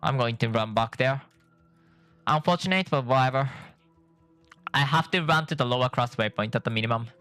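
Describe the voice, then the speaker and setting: Faint music plays behind a worn-out streamer who hasn't slept enough as he gives casual commentary on his gameplay. He speaks fairly quickly in a mid-range, slightly bright voice with fairly even intonation, wandering off-topic and revising his own remarks.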